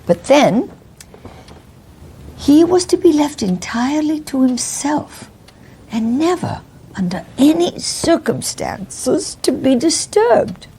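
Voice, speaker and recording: A woman's voice: high-pitched, very animated, slow, dark tone, heavily acted. A woman playing a nervous, deferential Victorian landlady in a mystery role-play, with a stammering, frightened manner. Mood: anxious, deferential.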